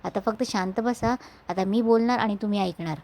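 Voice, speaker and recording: A woman voicing a cheeky, smooth-talking young man who keeps coaxing and teasing. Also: mid-range voice, fairly quick, mellow, slight background noise, natural voice. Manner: coaxing, playful, keeps saying madam.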